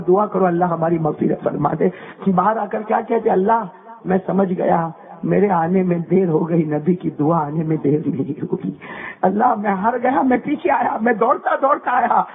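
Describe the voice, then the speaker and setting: A man preaching an emotional storytelling sermon, fervent and repetitive, often rising to shouts and calling on his listeners to answer. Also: high-pitched. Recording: tinny, phone-like sound.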